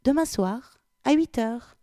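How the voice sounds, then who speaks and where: Mocking young baroness, teasing and lively, put on by a woman reading aloud. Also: high-pitched, takes it slowly, no echo, clean studio sound, pitched above the performer's own voice. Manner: playful, mocking.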